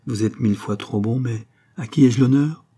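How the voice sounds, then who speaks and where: A man voicing a startled, impatient young gentleman in a storybook reading, polite but exasperated. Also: medium pitch, moderate pace, husky, natural voice. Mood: puzzled.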